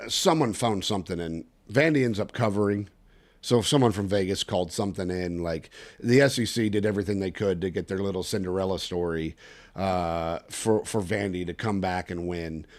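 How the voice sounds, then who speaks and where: Male podcast host, low-ish voice, casual ranting sports banter. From Texas. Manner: animated, ranting, quick asides.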